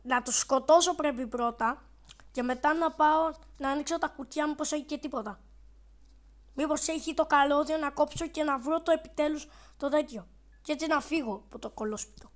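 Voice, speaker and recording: A woman with a high voice narrating her own gameplay. She is excitable and jumpy, yelling back at the game at some moments and muttering quietly to herself at others. She swears now and then and talks straight to her viewers. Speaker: gaming video creator. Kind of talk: let's-play commentary.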